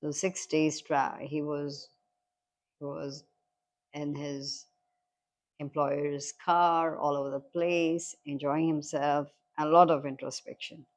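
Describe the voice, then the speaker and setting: A woman's voice: low-pitched, level tone, slow. A woman reviewing a novel, retelling its plot reflectively and reading passages aloud. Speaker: book reviewer.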